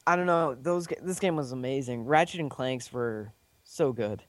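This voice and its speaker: A man's voice: medium pitch, moderate pace. A young man hosting a casual gaming podcast, steering the talk and reading out news items.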